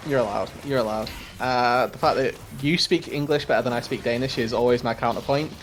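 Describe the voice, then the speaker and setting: A man's voice: medium pitch, a little fast. A man giving color commentary on an esports match, explaining tactics with a dry, teasing humor. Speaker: esports caster.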